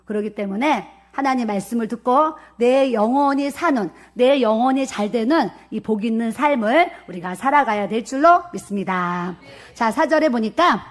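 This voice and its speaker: A woman's voice: fairly high pitch, animated, moderate pace. A woman pastor preaching a sermon in a church, telling a personal story vividly and urging her listeners earnestly. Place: church sanctuary.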